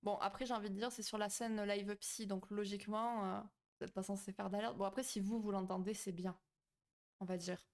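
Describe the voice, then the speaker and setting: A woman's voice: medium pitch, fairly even intonation, fairly quick. A woman hosting a psychology live stream, chatting casually with viewers between points, with many fillers and restarts. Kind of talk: casual live-stream talk, reading chat. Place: home streaming setup.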